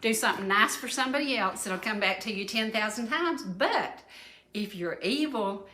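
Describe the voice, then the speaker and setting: A woman's voice: medium pitch, lively intonation, normal speed, pushed and bright, echoey room, a little hiss or hum. A woman in her seventies with a Southern US accent, hosting a cooking segment on a local TV talk show in a folksy, chatty, playful way. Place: TV studio kitchen set.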